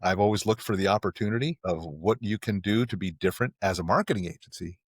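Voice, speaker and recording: A middle-aged man talking casually as a podcast guest, rambling and restarting often, getting animated when he explains. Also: on the low side, quick pace, breathy edge, no echo, clean studio sound. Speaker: podcast guest, marketing agency president. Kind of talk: casual interview talk.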